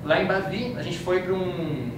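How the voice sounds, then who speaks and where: A high-pitched man from Brazil, speaking at a moderate pace with a Brazilian Portuguese accent, recounts his travels in an informal slide-show lecture to a live audience indoors. He's chatty and anecdotal, often adding little checking tags. Recorded on a distant mic, the room sounds echoey with clear background noise.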